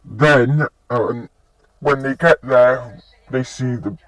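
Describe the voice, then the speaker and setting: A man's voice: medium pitch, slow, fairly bright tone. A man casually retelling a fan-made story, rambling with restarts. Recorded on a distant mic.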